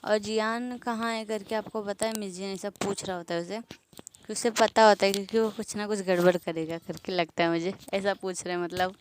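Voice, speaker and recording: A woman's voice: mid-range voice, flat delivery, fairly quick, slight background noise. Chatty woman retelling an anime story. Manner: chatty, laughs along and speaks straight to viewers. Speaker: anime recap narrator. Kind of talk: casual spoken story retelling.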